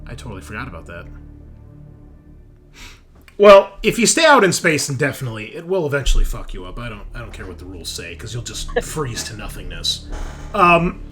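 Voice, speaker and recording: This game master's mid-range voice is a bit bright and swings widely in pitch as he speaks slightly fast. Running a sci-fi horror tabletop session, he narrates scenes in descriptive detail, cursing offhandedly over faint background music.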